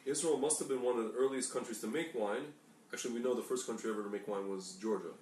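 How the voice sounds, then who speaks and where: A podcast co-host on a casual talk show, this man speaks quickly at a medium pitch with a slightly mellow tone. He reads from documents, often stumbling and correcting himself. The distant mic picks up an echoey room and faint noise.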